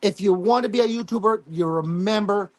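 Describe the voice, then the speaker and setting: A man's voice: high-pitched, a little fast, dry recording. A man with a Jamaican accent and Patois turns of phrase, telling stories casually as an interview guest, emphatic and often repeating himself.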